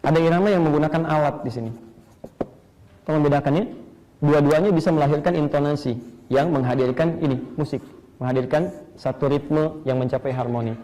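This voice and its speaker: Fast-talking, animated male preacher. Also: fairly high pitch, rough recording. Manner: animated, chants Arabic verse meters; asks audience rhetorical questions. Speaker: Islamic preacher. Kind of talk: lecture sermon.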